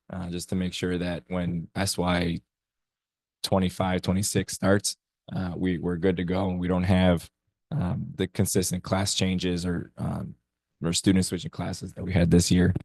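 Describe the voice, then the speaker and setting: A hoarse man, losing his voice, giving a steady report as a teacher representative at a council meeting. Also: sits low. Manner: steady, level report with frequent pauses.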